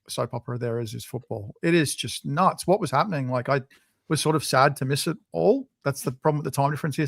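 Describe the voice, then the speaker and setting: A man's voice: fairly high pitch, gravelly, no room sound, studio quality. A man with an Australian accent, co-hosting a podcast in casual, opinionated chat. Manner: chatty, opinionated, lively. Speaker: podcast co-host.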